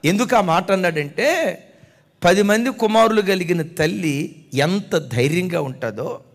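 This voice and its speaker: A man's voice: high voice, in a large hall. A man preaching a sermon as pastor, calling on the congregation to respond.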